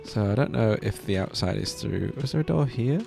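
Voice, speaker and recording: A man's voice: lowish voice, lively intonation, brisk, gravelly. A man casually playing a video game, reading his dialogue choices aloud with a playful, joking manner. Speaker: gameplay streamer. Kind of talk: casual let's-play commentary. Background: game music.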